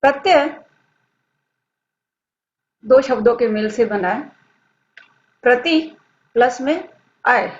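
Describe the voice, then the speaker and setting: A woman's voice: fairly high pitch, moderate pace. A woman teaching a grammar lesson online, patiently explaining and answering her own questions as she points at the screen. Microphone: screen-recorded lesson. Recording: dull lo-fi audio.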